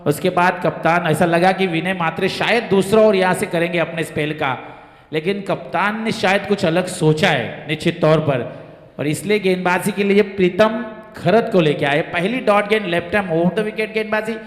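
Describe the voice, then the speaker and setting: A man from giving live local cricket commentary in an excitable manner. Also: sits high, normal speed. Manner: excited commentary, rising on boundaries. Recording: echoey PA-like sound with long reverb.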